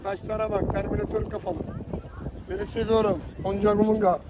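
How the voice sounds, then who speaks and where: On a beach, a middle-aged Thracian man selling simit hawks his goods with playful, teasing lines and briefly discusses his job, speaking in the Thracian Turkish dialect. He sounds high-pitched, flat and fairly quick, with outdoor wind noise on the recording.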